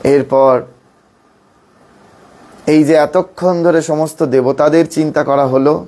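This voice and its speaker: A man with a notably high voice gives a devotional teaching as a monk. He speaks in calm, measured phrases and repeats words for emphasis. His voice often sinks low and slows on the points that matter most. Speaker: monk teaching spiritual practice.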